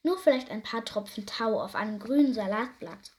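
A woman voicing a gentle, polite female tortoise in a children's storybook, speaking softly and courteously, a little higher than her own voice. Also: animated, normal speed, lightly acted. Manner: soft and polite, gently declining.

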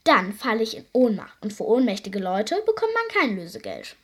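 A woman reading a storybook voices a bossy, cunning young woman who orders her captors around in a bright, insistent way. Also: medium pitch, huge pitch swings, normal speed.

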